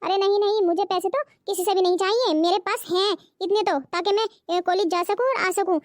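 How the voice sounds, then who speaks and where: A woman's voice: extremely high pitch, steady tone, normal speed, no echo, clean studio sound. A woman voicing a whiny young college girl. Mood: sulky. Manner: whiny, sulky. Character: young college-going sister-in-law, sulky and demanding. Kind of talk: cartoon voice acting.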